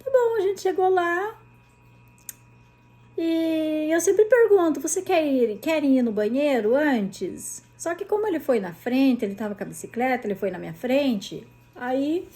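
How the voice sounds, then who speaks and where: Brief: woman, vlogging mom, chatty and animated, slightly high voice. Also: normal speed. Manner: chatty, animated, many tag questions. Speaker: mother telling a personal story. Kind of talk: casual storytelling vlog.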